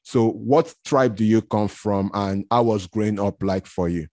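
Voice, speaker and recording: A man hosting an interview, asking questions in a relaxed, chatty way. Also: fairly low pitch, unhurried, no echo. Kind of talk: casual conversational interview.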